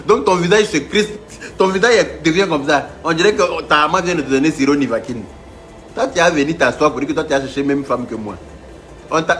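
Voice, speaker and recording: Guy on a live stream, kinda high voice, mocking and teasing, stumbles over his words, bit of music behind. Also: a bit bright. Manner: mocking and teasing, with stammered restarts. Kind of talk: live-stream rant to viewers.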